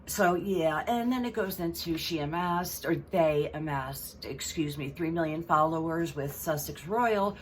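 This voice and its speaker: A woman's voice: low-pitched, unhurried, few pauses, slight background noise. A woman giving a sarcastic, exasperated commentary, mocking and ranting as she goes. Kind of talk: casual commentary vlog.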